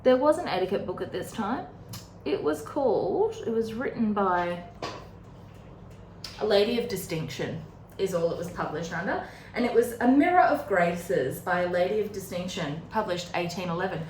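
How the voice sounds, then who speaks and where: A woman's voice: medium pitch, animated, normal speed, darkish tone. A young woman hosting a book readalong, chatting casually with lots of fillers while doing her makeup. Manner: chatty, filler-heavy, giggly. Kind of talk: casual chat recapping a novel. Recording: roomy echo, faint background noise.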